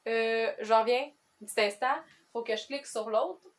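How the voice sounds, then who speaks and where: A woman's voice: a little high, steady tone, moderate pace. A woman with a Quebec French accent, chatting casually to camera as a book vlogger, rambling and breaking into her own asides.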